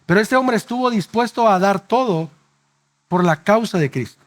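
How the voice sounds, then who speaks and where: A male pastor addresses his congregation earnestly in a high-pitched, expressive voice. When the sermon reaches its emotional high points, he slows down and softens.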